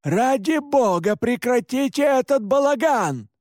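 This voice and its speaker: A man's voice: high-pitched, animated, slow pace, vocal fry, dry recording, studio quality, pitched above the performer's own voice, exaggerated voice. A man voicing an anxious older male priest in an audiobook, urgent and pleading. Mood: shouting. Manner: urgent, pleading, often shouting. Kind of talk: audiobook character voice.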